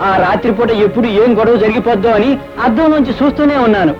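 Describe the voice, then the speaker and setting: A man's voice: very high voice, fast. An actor playing a humble office peon who pleads for pardon and confesses what he saw. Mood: pleading. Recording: dull old film soundtrack with loud music.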